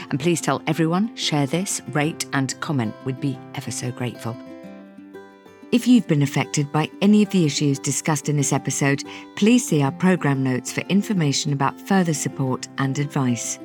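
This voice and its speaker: A woman's voice: low-pitched, a little mellow. A woman hosting a podcast in casual, playful, teasing chat. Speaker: podcast host.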